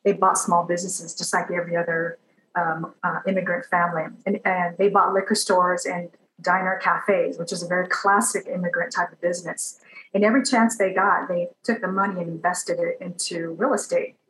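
A Taiwan-born woman raised in Los Angeles, a realtor telling her story as a podcast guest, open and animated with easy laughs. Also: fairly low pitch, a little fast. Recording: echoey room with faint background noise.

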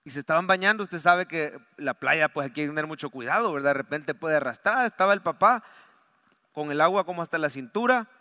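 A man with a Salvadoran Spanish accent preaching a sermon in church, telling a story softly, then rising to loud, fervent exhortation. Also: on the high side, animated, brisk. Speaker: pastor. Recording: long hall reverb.

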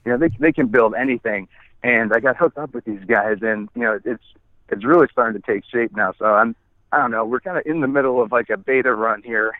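A man's voice: mid-range voice, brisk, dry recording. Man in his forties on a tinny phone line. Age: 40s. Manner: rambling, swears freely, many restarts. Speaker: guest app founder. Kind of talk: casual phone chat.

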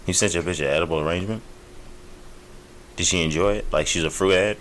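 A man's voice: low-pitched, quick pace, a bit bright, slight background noise, rough recording. A man hosting a casual podcast, joking and teasing in a bro-ish, slangy, profane way. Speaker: podcast host. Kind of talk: casual group banter.

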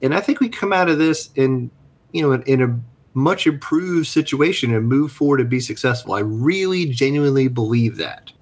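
Male sports co-host, calm and earnest, middle pitch. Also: normal speed. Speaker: podcast co-host. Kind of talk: casual sports talk.

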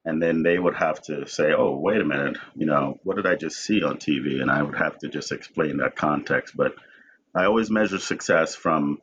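A Jamaican man in his forties is a guest in a conversational interview, sounding reflective and often repeating words as he begins a thought. His voice rumbles low with a fairly bright tone, and he speaks at a moderate pace. The recording is dull and lo-fi, with a little hiss or hum.

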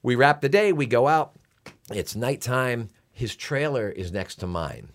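A man in his fifties, an actor appearing as a guest, telling animated stories in a casual interview. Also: medium pitch, a little slow. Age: 50s. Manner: animated storyteller, lots of fillers and restarts.

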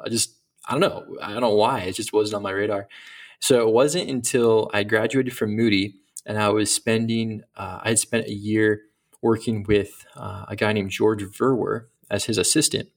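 A creaky, fairly low-pitched voice belongs to a middle-aged missionary guest being interviewed casually. Earnest and reflective, he frequently starts his sentences over.

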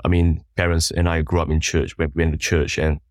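A man in his thirties from Malaysia, a worship ministry leader sharing his story in a podcast interview. His voice is extremely deep and flat. He talks haltingly, with frequent restarts and "you know". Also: no room sound, studio quality.

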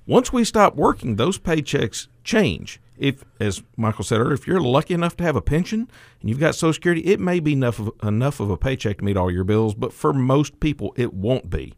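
A man's voice: mid-range voice, lively intonation, brisk, no echo, studio quality. A man working as a retirement income advisor, explaining investment buckets on a financial talk show.

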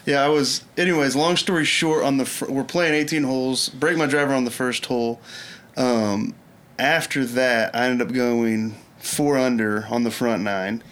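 A man in casual chat, telling a long golf story with lively energy and frequent laughs. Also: medium pitch, normal speed. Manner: animated storyteller, laughs often. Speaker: podcast guest telling golf stories.

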